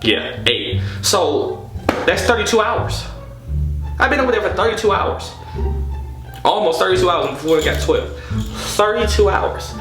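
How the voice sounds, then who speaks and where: A young storytelling vlogger tells a personal story casually, exasperated, slangy and profane. His voice sits high and sing-song, a little slow with long pauses. The room is echoey and loud background music plays.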